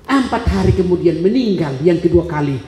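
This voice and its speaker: High-voiced man preaching in an echoing hall. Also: expressive, brisk, mellow. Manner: dramatic storytelling, acting out voices and gasps. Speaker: preacher giving a testimony. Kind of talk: sermon testimony. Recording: echoey hall reverb.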